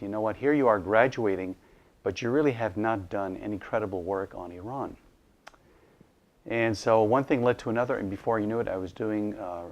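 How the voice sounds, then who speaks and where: A middle-aged man from Iraq, an author and educator, talks in a somewhat low voice. He speaks slowly and thoughtfully, stopping often with ums and restarts as he explains things in an interview. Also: darkish tone. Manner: thoughtful, hesitant with many fillers and restarts. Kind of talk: casual interview monologue.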